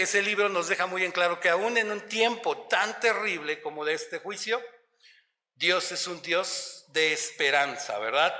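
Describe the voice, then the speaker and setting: A man preaching a sermon in a measured way, often calling listeners beloved brother and checking in with tag questions. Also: high-pitched, pushed and bright, reverberant, big-room sound. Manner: slow, measured delivery with stretched emphasis. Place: church sanctuary.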